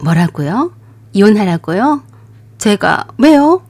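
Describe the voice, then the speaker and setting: A woman's voice: medium pitch, sing-song, slow, a little mellow, dry recording, heavily acted. A woman playing a young wife standing her ground. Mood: indignant. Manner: polite, rising to indignant. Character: young married woman, polite then defiant. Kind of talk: radio drama acting.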